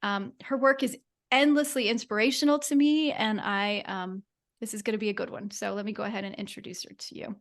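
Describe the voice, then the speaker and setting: A woman's voice: medium pitch, fairly even intonation, a little fast. A woman hosting a podcast, chatting casually and eagerly, gushing over her guest with plenty of fillers. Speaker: podcast host. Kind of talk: enthusiastic interview chat.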